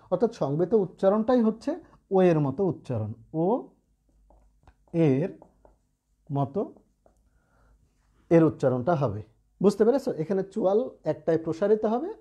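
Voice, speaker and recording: A man's voice: sits high, dark tone, husky. A man teaching a lesson to students, explaining patiently with frequent check-ins and repeated phrases. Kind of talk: classroom-style lesson.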